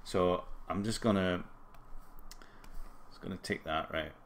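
Male tutorial presenter, broad Scottish, very low and groggy with heavy fry, informal working-aloud delivery. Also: measured pace, slight background noise. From Scotland. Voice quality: groggy, gravelly throat. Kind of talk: casual screen-recorded software tutorial.

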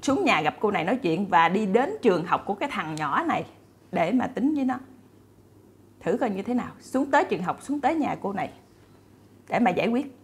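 A woman tells a story straight to her viewers. Her voice is breathy and a little husky, at a middle pitch. She talks casually, with many fillers and repeated words. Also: sing-song, a little fast. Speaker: storyteller host.

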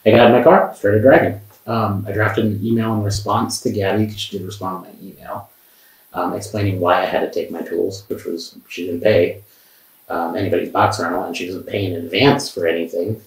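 A man's voice: deep voice, steady tone, a little fast. A man, a camera assistant, telling his side of events in a police interview, rambling with many restarts and sounding defensive. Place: interview room. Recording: roomy, from far off the mic.

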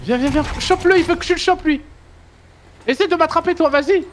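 A man gaming with a friend, chatting excitedly with rapid, playful exclamations. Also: extremely high pitch, a little hiss or hum. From France. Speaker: gamer.

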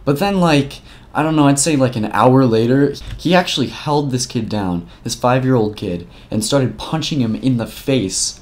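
A man's voice: medium pitch, lively intonation, normal speed, darkish tone. A young man telling a story in a casual vlog, rambling and swearing, with frequent restarts. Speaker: vlogger.

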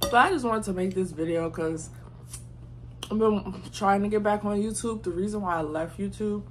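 A woman in her twenties talking casually to her phone camera in her bedroom. She is candid and slangy, and swings between hushed and loud. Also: mid-range voice, moderate pace, slight background noise. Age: 20s. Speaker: vlogger. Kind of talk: casual vlog chat to camera. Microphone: phone mic.

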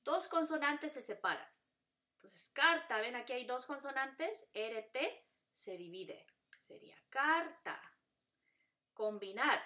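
Bright-voiced woman teaching a lesson. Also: high voice, expressive, a little slow. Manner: patient, repeats patterns, switches to English to explain. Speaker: Spanish teacher. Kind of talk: classroom lesson.

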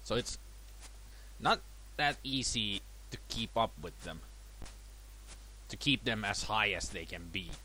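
The recording is low quality with slight background noise, as a man with a cold speaks unhurriedly, pausing often. A let's play gamer, he comments casually and self-deprecatingly on his boxing gameplay in a slightly worn, chatty voice with lively pitch swings.

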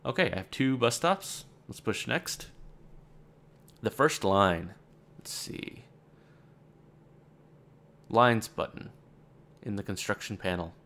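A man's voice: medium pitch, very animated, takes it slowly, long pauses, a bit bright. A man playing a game on camera and thinking aloud, casual and rambling, with dry sarcastic asides. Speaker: let's play gamer. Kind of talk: let's play game commentary.

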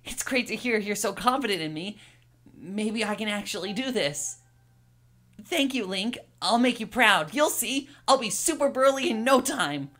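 A woman's voice: medium pitch, lively intonation, normal speed, fairly bright tone. A woman reading out a video game's timid young man who is too weak to lift a barrel and is training to get stronger. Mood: elated. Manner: breathless, bashful, then bubbly and grateful. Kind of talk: reading video game dialogue aloud.

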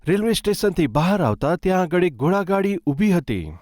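A man preaching a sermon with earnest, rising emphasis, speaking warmly to his listeners as beloved. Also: sits high, sing-song, brisk, dry recording, studio quality. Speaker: pastor.

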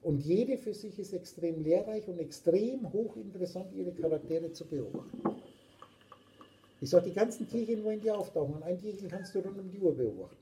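German-accented male spiritual teacher, preachy and insistent, high pitch. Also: lively intonation, a little fast, mellow, slight background noise, low-quality recording. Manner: emphatic, preachy, repetitive. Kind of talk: philosophical talk.

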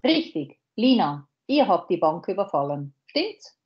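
A woman reading a blunt middle-aged male doctor's lines aloud, slowly, from a novel. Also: lowish voice, very animated, highs cut off.

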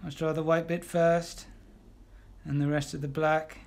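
A man's voice: on the high side, flat delivery, measured pace, gravelly, darkish tone. A man leading a live draw-along painting class, chatty and encouraging, talking as he paints with lots of ums and restarts. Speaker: illustrator teaching a live art class.

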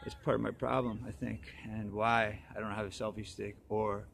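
A man with a fairly low voice talks off the cuff as host of his own nightly vlog, stumbling through ums and restarts. His humor is dry and deadpan, and faint outdoor noise sits behind him. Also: moderate pace, vocal fry. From northeastern United States. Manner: hesitant, full of ums, dry joking. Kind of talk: rambling casual monologue. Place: outdoors at dusk.

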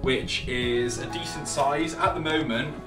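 A young vlogger shows viewers around his small carpeted house, joking, chatting and teasing in a medium-pitched voice at a measured pace. The room is echoey and he is slightly off-mic, with music playing underneath.

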